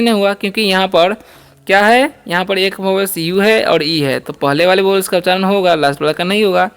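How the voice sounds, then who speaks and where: A smooth, high-sitting male voice explains a beginners' spoken English lesson word by word. The teacher answers the questions he raises himself and repeatedly adds "ठीक है".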